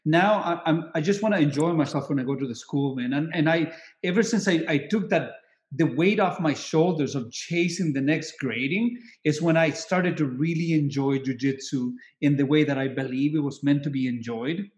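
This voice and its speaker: A man in his late forties talking casually on a podcast, relaxed and chatty, often adding "man". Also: on the high side, normal speed, reverberant. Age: 40s.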